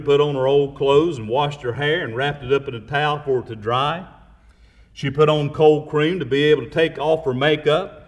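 A middle-aged man preaching a sermon as pastor, swinging between loud emphatic rises and quiet low asides.

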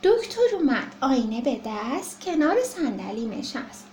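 A woman's voice: high-pitched, sing-song, a little mellow, slight background noise. A woman reading a rhymed children's story in a sing-song, rhythmic way, recorded in a roomy space. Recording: roomy echo, faint background.

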